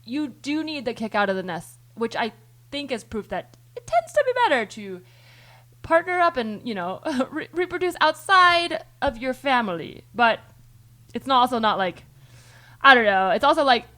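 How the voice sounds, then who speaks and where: A woman's voice: a little high, big pitch swings, normal speed, pushed and bright. A woman hosting a podcast, thinking aloud in long rambling turns full of restarts and the odd swear word. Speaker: podcast host. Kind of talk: casual chat.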